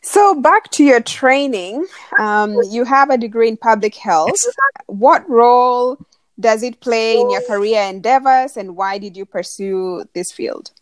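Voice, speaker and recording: A woman's voice: a little high, unhurried, no room sound. Upbeat woman interviewer, dry sound. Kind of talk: interview questions.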